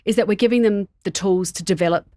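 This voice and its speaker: A woman's voice: mid-range voice, fast, warm tone, no room sound, studio quality. A middle-aged woman co-hosting a podcast, talking candidly and casually with frequent laughs and restarts. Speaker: podcast co-host. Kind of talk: casual chat.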